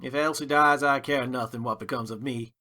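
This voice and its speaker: A man's voice: medium pitch, steady tone, fairly quick, sharp tone, close to an everyday voice. A man playing a hot-tempered, defiant American gangster in a dramatic audiobook reading, with slangy, emphatic delivery. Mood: resigned.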